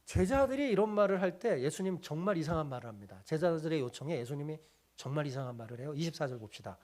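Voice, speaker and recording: A man's voice: a little high, lively intonation, fast talker, darkish tone. A middle-aged man, a pastor, preaching a sermon in a church. He keeps asking the congregation questions and then answers them himself, and he acts out the voices of people he quotes. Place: church sanctuary.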